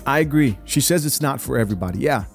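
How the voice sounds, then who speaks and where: A man's voice: mid-range voice, lively intonation, quick pace, vocal fry, faint music behind. A man in his thirties, born in Zambia, giving blunt, opinionated commentary to his viewers on a close studio mic. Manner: blunt, emphatic, addresses viewers directly. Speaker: podcast host. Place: small home studio room, indoors. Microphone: close studio mic, wearing headphones.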